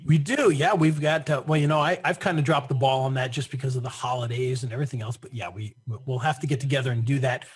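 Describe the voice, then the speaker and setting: A man's voice: mid-range voice, quick pace, hardly any pauses, husky. A man speaking as an interview guest in a casual conversation, often repeating his first words and laughing.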